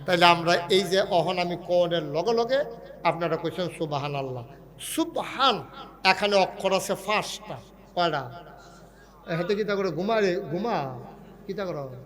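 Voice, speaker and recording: A high-pitched man preaches to a crowd, breaking into sing-song chanting. He keeps firing questions at his listeners and teases them between lines. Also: normal speed, fairly bright tone. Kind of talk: humorous sermon to a crowd.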